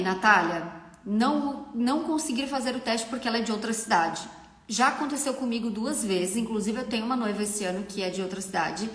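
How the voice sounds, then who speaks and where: A woman's voice: a little high, fairly bright tone. A young Brazilian woman with a Brazilian Portuguese accent, a makeup artist hosting a live stream and giving frank, chatty advice. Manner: chatty, frank, often asks "entendeu?". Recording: echoey room.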